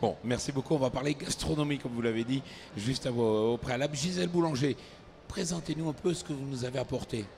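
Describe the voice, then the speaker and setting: A middle-aged man hosts guests at a trade fair stand, moving the talk along with brisk, short prompts. He speaks into a handheld mic, with the fair's noise clearly audible behind him. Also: mid-range voice, darkish tone. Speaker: host. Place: trade fair stage, indoors.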